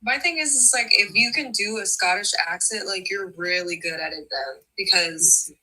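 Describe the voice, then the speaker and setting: A woman's voice: medium pitch, moderate pace, pushed and bright, poor audio. A woman in her thirties in casual chat, blunt and swearing freely.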